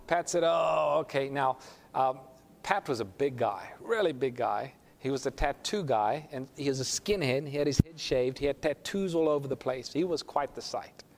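A man's voice: medium pitch, lively intonation, moderate pace, a little mellow, a little hiss or hum. A male pastor telling a story in a sermon, acting out the voices of the people in it. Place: church sanctuary. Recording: long hall reverb.

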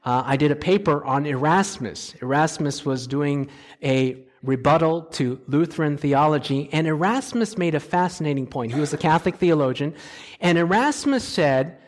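A man delivering a sermon as a teaching lecture. His voice sits on the higher side for a man. He speaks with emphasis and keeps turning to the audience with rhetorical questions. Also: expressive, moderate pace. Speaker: preacher.

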